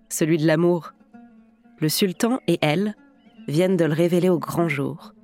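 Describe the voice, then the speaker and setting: A woman's voice: on the low side, a little mellow. Woman narrating a scripted podcast over music. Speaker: podcast host and actress.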